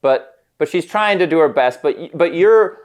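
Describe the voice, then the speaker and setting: A man's voice: fairly high pitch, animated, normal speed. Frank man explaining relationship patterns. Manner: explaining, frank, acts out quoted voices. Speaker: podcast co-host, therapist. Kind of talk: candid casual conversation.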